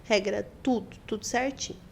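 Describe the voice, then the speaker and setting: A woman with a Brazilian accent, co-hosting a podcast and telling family stories in a lively, laughing way. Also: mid-range voice, moderate pace, gravelly, a little hiss or hum. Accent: Brazilian Portuguese. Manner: animated, laughing storyteller. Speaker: podcast co-host. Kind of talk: casual chat.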